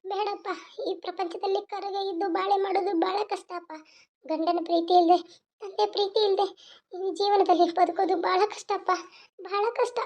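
A woman's voice: very high-pitched, fairly even intonation, moderate pace, a little mellow. A woman voicing a grieving young woman in a cartoon, tearful and pleading. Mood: despairing. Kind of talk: cartoon voice acting. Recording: dull lo-fi recording.

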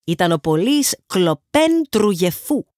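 A woman from Greece reading a children's audiobook in lively, expressive scripted narration. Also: medium pitch, no echo. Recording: dry close studio sound.

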